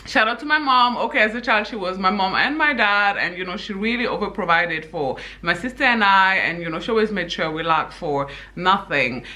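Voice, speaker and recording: A young woman from Senegal telling stories to her viewers in a chatty, animated vlog, often calling them "you guys" and breaking into asides. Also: mid-range voice, fairly quick, hardly any pauses. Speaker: YouTuber. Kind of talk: casual chatty vlog storytelling.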